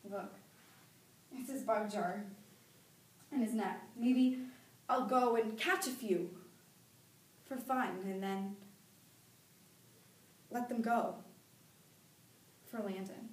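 A woman's voice: medium pitch, takes it slowly, pauses often, natural voice. A young woman acting a grieving teenage girl in a stage monologue, pleading with God in tragic sorrow. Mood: wistful grief. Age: young adult. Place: medium-sized school classroom, indoors. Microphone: camera several metres away. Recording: echoey room, distant microphone.

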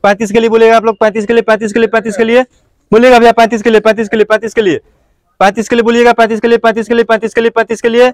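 A man's voice: extremely high pitch, little pitch movement, racing, no room sound. A man running an outdoor motorbike auction, calling bids over and over. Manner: repetitive bid calling, chanting prices. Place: outdoor lot full of parked motorbikes.

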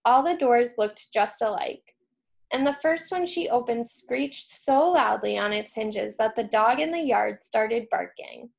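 A woman reading a children's storybook aloud, telling it expressively as a childcare staff member. Her voice sits a bit high and carries a strong gravelly crackle. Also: unhurried.

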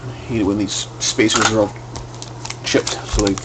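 A man's voice: on the low side, flat delivery, normal speed, heavy background noise. A man hosting a live card break at his home desk, talking casually and rambling with fillers and restarts.

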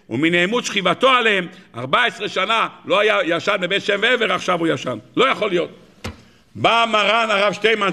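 High-pitched rabbi teaching torah, gravelly voice, keeps asking the crowd questions, lively storytelling. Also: male voice. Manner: animated storytelling with rhetorical questions to the listeners. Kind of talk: Torah lesson.

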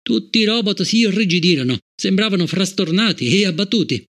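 A man narrating an audiobook in a measured, even storytelling manner. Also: high voice. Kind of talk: scripted narration.

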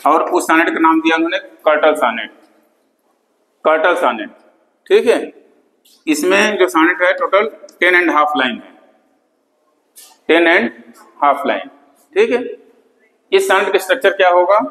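Lecturer in a reverberant classroom. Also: male voice, high voice, a bit bright. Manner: repeats key terms, frequent "theek hai" checks. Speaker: English literature lecturer. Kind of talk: classroom lecture mixing Hindi and English. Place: classroom with board.

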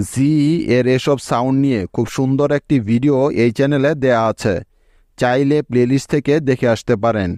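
A man explains English spelling letter by letter, taking his time over every syllable. His voice sits at an ordinary pitch and the recording is dry and close, with no room sound. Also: darkish tone, dry recording. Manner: slow, step-by-step explaining. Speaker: English teacher. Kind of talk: spelling lesson narration.

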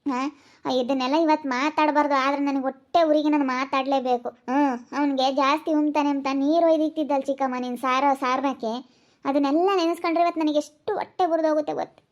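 A woman's voice: high-pitched, fairly even intonation, fast, lightly acted. A woman playing a grieving, motherless young woman who tearfully accuses her aunt in a rural family drama, in a muffled lo-fi recording. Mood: accusing, tearful. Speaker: village family drama actress.

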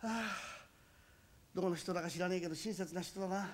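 A man playing a naive young master turned peddler with an Edo Tokyo accent, muttering to himself and stammering through long drawn-out vendor cries. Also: high-pitched, fairly even intonation, close to an everyday voice. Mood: musing. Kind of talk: rakugo storytelling.

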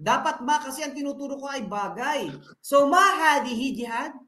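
A woman from the Philippines teaching her children at home, patiently quizzing them and drilling words slowly. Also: high voice, a bit bright. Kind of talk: home language lesson. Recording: echoey room.

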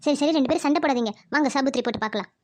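A woman's voice: high voice, rapid-fire, noisy background, lightly acted. A woman voicing a teasing young woman in a cartoon who bosses the children around. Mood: bossy. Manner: teasing and bossy. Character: teasing young woman, cheeky friend and sister. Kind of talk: cartoon voice acting.

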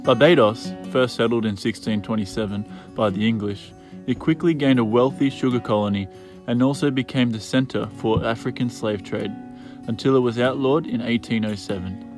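Laid-back young man over loud music. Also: medium pitch. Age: young adult. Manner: laid-back, joking, drawn-out musing. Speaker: sailing vlogger. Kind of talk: casual travel vlog chat. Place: outdoors on a sailboat and harbourside. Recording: music bed playing under the voice.

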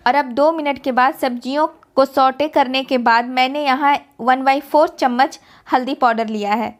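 A woman giving a calm, step-by-step cooking voice-over as host of a recipe channel. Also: high-pitched. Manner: calm, instructive, explains each step.

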